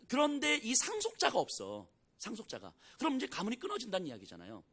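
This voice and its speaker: A male pastor preaches in a casual, storytelling tone, slipping into characters' voices as he retells the scripture. His voice sits a little high and moves up and down with lively intonation. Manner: conversational preaching, acts out biblical dialogue in casual speech. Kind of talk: sermon.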